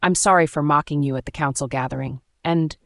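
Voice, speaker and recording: A woman's voice: deep voice, fairly quick, no room sound. Defiant, bitter young she-wolf, storybook read by a woman, dry close sound. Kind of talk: storybook narration.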